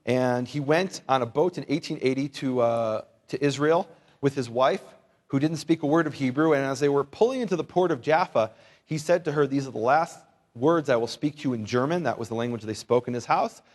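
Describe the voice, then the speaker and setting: A native English-speaking man at medium pitch talks fairly quickly through a casual Bible lesson for a live audience. This Bible teacher and lecturer keeps a conversational, wryly humorous tone, asks rhetorical questions, and invites the audience to repeat words.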